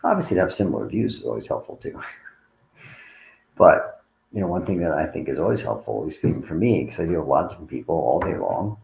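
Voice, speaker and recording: A man's voice: extremely low pitch, big pitch swings, fast talker, gravelly, a little mellow, reverberant, low-quality recording. A tired man talking casually to livestream viewers as a coach, rambling and restarting his sentences. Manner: rambling, conversational, frequent restarts. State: tired, yawning.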